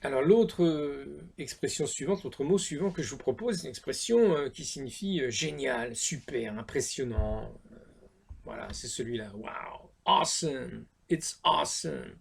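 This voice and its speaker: A man teaching English slang in a patient, casual lesson with a French accent, repeating each phrase slowly. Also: medium pitch, vocal fry, darkish tone, a little hiss or hum.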